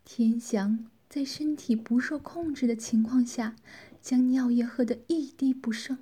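A woman narrating a story in a soft, hushed whisper. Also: on the high side, steady tone, unhurried, slightly rough.

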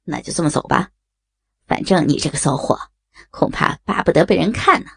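Brief: woman doing a low, gravelly, raspy brute of a man, sneering and bullying, audio story. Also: brisk, fairly bright tone, exaggerated voice. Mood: sneering menace. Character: crude, menacing adult man. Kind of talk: erotic audio story reading.

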